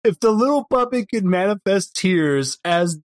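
A woman's voice: mid-range voice, animated, normal speed, no room sound. A woman tabletop player speaks in a close, dry sound. She talks casually and sets up her character's moments with playful theatricality. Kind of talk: casual table talk and narration.

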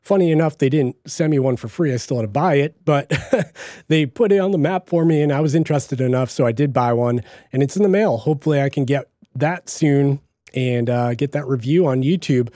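A man's voice: mid-range voice, a little fast, dark tone, no echo, clean studio sound. A man with a Boston accent hosting a podcast, talking in a casual, rambling way with lots of fillers and restarts. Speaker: podcast host. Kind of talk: casual solo podcast talk.

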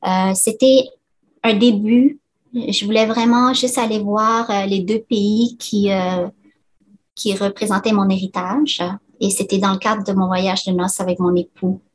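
A woman's voice: mid-range voice, fairly even intonation, unhurried. A middle-aged woman from Laos answering interview questions, hesitant, with many fillers and restarts. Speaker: documentary author interviewed.

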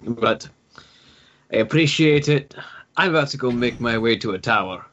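A man role-playing a calm, noble and determined adventurer in a tabletop game, speaking in a composed, formal, measured way. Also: mid-range voice, muffled recording, natural voice. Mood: courteous. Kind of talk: in-character tabletop role-play.

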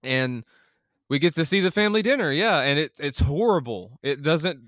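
A man's voice: on the high side, expressive, moderate pace, a bit bright, dry recording, studio quality. A man in a casual movie discussion, bluntly recapping scenes and swearing. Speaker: podcast co-host.

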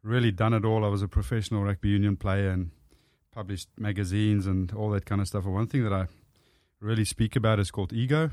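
A man in his forties with a thick South African accent, Afrikaans his first language, telling his life story as a podcast guest in an earnest, measured way; his voice is deep and husky. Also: steady tone, darkish tone, dry recording, studio quality. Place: studio.

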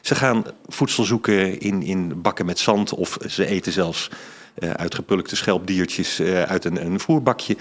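Low-voiced hesitant man. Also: measured pace. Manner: hesitant, many ums and restarts. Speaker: author and science journalist. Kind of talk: casual interview talk.

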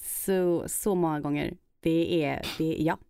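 A woman impressionist and voice actor chatting in a casual interview, slipping into high put-on voices. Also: steady tone, gravelly, warm tone, smooth, no room sound, studio quality.

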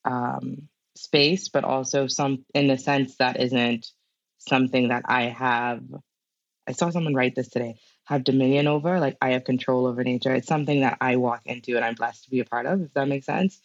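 A woman's voice: a bass voice, steady tone, moderate pace, no room sound, highs cut off. A young Bahamian woman talking casually as an interview guest, full of "like" and "you know". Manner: chatty, many fillers like "like" and "you know". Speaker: guest climate scientist.

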